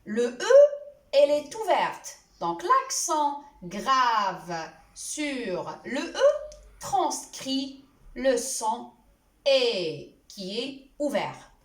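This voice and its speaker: A woman teacher walks through a spelling lesson at a very slow, careful pace, naming letters one at a time. Her voice is high and lively. It sounds a little distant, in an echoey room.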